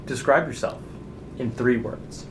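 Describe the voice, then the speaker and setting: A man's voice: mid-range voice, unhurried, slight background noise. A young man hosting a student interview, reading his questions in an upbeat, scripted way. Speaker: host, video producer.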